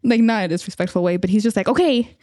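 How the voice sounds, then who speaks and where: Mellow woman in her thirties, podcast co-host, tells stories and does her kid's lines, dry close mic. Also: medium pitch, steady tone, racing, dry recording. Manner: storytelling, acts out her son's lines. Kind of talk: casual chat.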